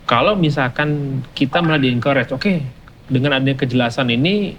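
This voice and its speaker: A man speaking casually as a panel guest who works with data, chatty and relaxed. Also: mid-range voice, fairly quick, slight background noise. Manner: casual, chatty, mixing in English words. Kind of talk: panel discussion.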